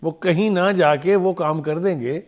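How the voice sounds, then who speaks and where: A man from Pakistan, a guest political analyst on a studio talk show, speaking in a measured way that turns emphatic. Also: a little high. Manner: measured, emphatic, teasing at times.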